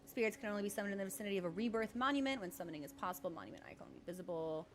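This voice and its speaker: A woman giving casual, jokey live commentary as she streams a game, speaking in an animated way and swearing freely. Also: medium pitch, rapid-fire.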